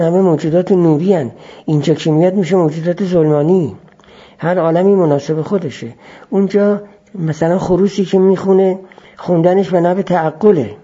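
In an explanatory classroom lecture, a male teacher speaks about philosophy at a measured pace and keeps coming back to his key phrases so they stick. His voice is dark and mellow with a breathy edge, pitched a little higher than usual. The lo-fi recording sounds muffled.

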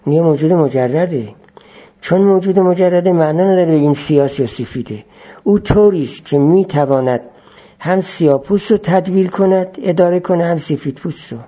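A man teaching philosophy in a measured lecture style, repeating key phrases as he explains. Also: fairly high pitch, warm tone, breathy edge, lo-fi sound.

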